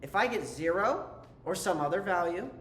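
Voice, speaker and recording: Man, math tutor, casual lesson, chatty, jokey asides, animated pitch, echoey room. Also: moderate pace. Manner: chatty, self-interrupting, playful asides. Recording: roomy echo, faint ambient noise.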